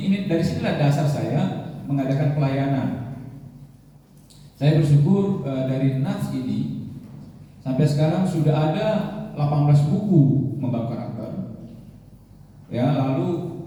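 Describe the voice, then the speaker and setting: A man's voice: mid-range voice, warm tone. A man, a pastor, preaching a sermon in a conversational way with many rhetorical questions. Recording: echoey hall, mic far off.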